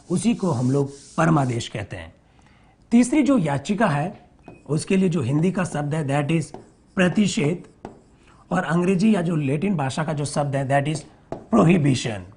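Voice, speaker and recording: Man, lecturing teacher, slightly husky, drills terms by repetition and rhetorical questions. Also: a little high, darkish tone. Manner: repeats key terms slowly, asks and answers his own questions. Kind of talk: exam-prep polity lecture.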